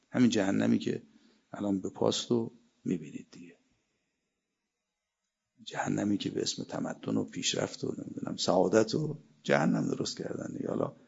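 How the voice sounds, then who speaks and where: A man's voice: fairly low pitch, animated, creaky, pauses often, a little mellow, slightly rough. A man giving a religious sermon, reciting Arabic verses between emphatic stretches of preaching. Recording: dull lo-fi sermon recording.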